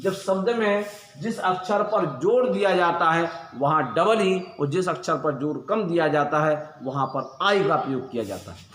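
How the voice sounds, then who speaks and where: High-voiced male teacher in an echoey room. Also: fairly bright tone, slight background noise. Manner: repeats letters and examples aloud, addresses students as "my dear student". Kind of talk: classroom grammar lesson.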